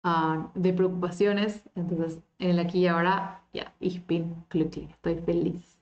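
A woman teaching German in an online lesson. She reads German lines slowly and clearly, then explains them in Spanish. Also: fairly low pitch, level tone, roomy sound, highs cut off.

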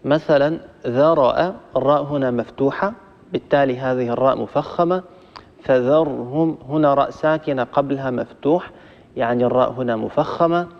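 A man's voice: mid-range voice, a little fast, creaky. A man teaching Quran recitation rules, patiently explaining them step by step to callers in a live class. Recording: roomy, muffled audio.

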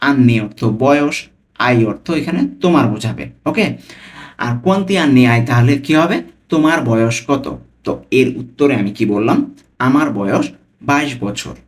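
Man teaching Italian phrases slowly. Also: medium pitch, animated. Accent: Bangladeshi Bengali. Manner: breaks phrases into words and repeats them slowly. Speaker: language teacher. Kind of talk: language lesson.

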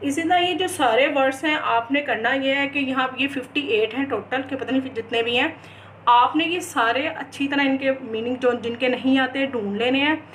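A woman teacher gives a recorded lesson in a fairly high voice. She reads example sentences slowly and deliberately, then explains them patiently with small hesitations. A faint ambient hiss sits under her voice. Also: fairly bright tone. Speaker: English teacher. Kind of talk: recorded class lecture.

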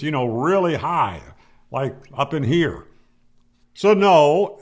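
Emphatic and explanatory, an older man aged 60s or 70s lectures to camera about ham radio, asking questions and firmly answering each one. His voice is fairly high and a bit bright. He records indoors in a small home room on a close boom-arm studio microphone.

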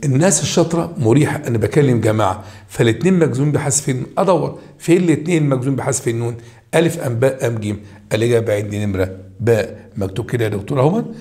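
Egyptian male teacher, rapid and emphatic, repeats points, talks straight to his students. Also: medium pitch. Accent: Egyptian Arabic. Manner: lively and emphatic, repeats key points, addresses students directly. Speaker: high school Arabic teacher. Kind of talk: walking through grammar homework answers.

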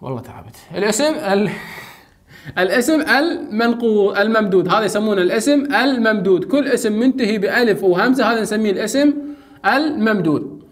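A man's voice: sits high, lively intonation, fairly quick. A young adult male teacher with an Iraqi Arabic accent, giving a chatty lesson and asking his students questions, then answering them himself. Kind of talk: casual classroom lecture.

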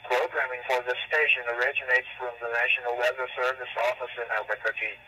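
Brief: text-to-speech man heard over a weather radio, crisp bright tone, faint background hiss. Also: mid-range voice, quick pace, distant mic, rough recording. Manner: even, mechanical text-to-speech delivery. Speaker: automated weather radio announcer. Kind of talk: automated weather bulletin readout.

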